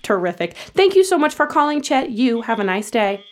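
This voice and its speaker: A woman playing a hotline operator who coaxes with a soothing tone, then slips into brisk customer-service cheer. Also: fairly high pitch, expressive, crowd noise. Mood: chirpy. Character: chirpy, callous female hotline operator. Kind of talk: audio drama acting.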